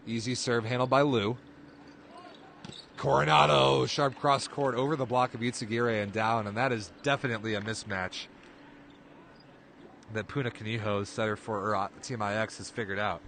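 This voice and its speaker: A man's voice: fairly low pitch, a little fast, slight background noise. A man calling a volleyball match live, play-by-play, his voice jumping up on big plays. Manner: excitable, voice jumps up on big plays. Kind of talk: live sports commentary.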